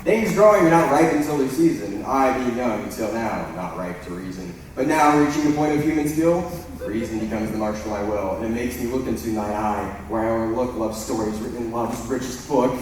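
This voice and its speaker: A man's voice: mid-range voice, expressive, fairly quick, slight background noise, natural voice. A young man playing an ardent young Athenian lover in a school stage play, delivering verse with playful swoops. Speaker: stage actor. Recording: echoey hall from far off.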